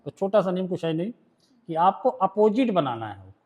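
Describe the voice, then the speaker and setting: High-voiced Indian man teaching shorthand. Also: big pitch swings, a little mellow. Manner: explains step by step, often checks if students understood; reads rules aloud in English slowly, then explains in Hindi. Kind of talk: classroom lesson.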